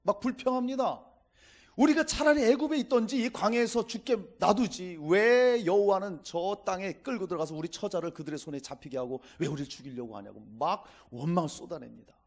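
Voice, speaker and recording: A man's voice: high-pitched, fairly quick, few pauses. A middle-aged male pastor giving a Sunday sermon, reading scripture and acting out quotes as he preaches.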